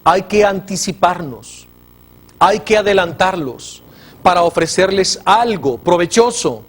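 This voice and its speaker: A man with a Mexican Spanish accent, a preacher hosting a religious TV show, telling a testimony with fervor and swinging between loud and hushed. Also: a little high. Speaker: preacher and TV host.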